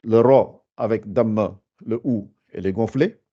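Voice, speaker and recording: A man's voice: lowish voice, measured pace, muffled recording. A man teaching Quran recitation in an online lesson, explaining patiently step by step with many hesitations.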